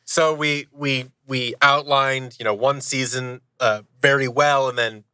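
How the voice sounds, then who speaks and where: Chatting as a podcast guest, this thirtysomething audio drama producer and actor spins self-deprecating stories in a lively, casual way. He speaks a little slowly in a medium-pitched, steady voice that is bright, forceful, and clean, recorded dry.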